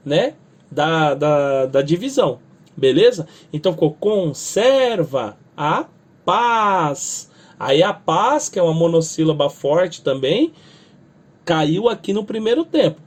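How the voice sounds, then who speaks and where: A man with a Brazilian Portuguese accent teaching music theory, explaining step by step and checking in with "tá?" and "né?". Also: high-pitched. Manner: explains step by step, adds "tá?" and "né?" after nearly every phrase; sings or spells out lyrics slowly to show stress. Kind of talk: spoken music lesson.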